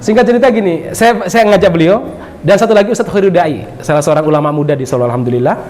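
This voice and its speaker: A middle-aged man from Bima, giving a religious lecture in a lively, humorous storytelling manner. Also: high voice, fast. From Bima, Indonesia. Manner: lively and humorous, often laughing and acting out dialogue. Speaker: preacher.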